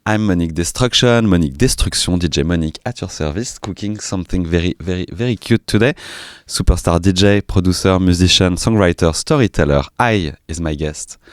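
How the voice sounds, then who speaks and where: A man's voice: low voice, fairly quick, few pauses, no room sound. A man with a French accent hosting a casual radio interview in a studio, playful and chatty. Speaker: radio host.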